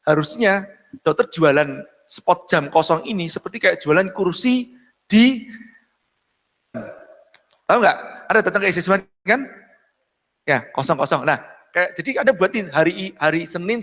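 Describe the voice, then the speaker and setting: A man giving a business seminar in a casual, chatty way, often checking in with his audience and clearing his throat. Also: sits high, animated, moderate pace, pauses often, fairly bright tone, big-room sound. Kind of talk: live business seminar talk.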